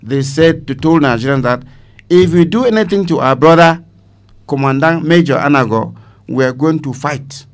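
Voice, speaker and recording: A man in his 70s or older, once an army commander, tells of his memories in an interview with a Cameroonian accent. His voice sits a little high and moves at a normal speed, and he repeats phrases emphatically for weight.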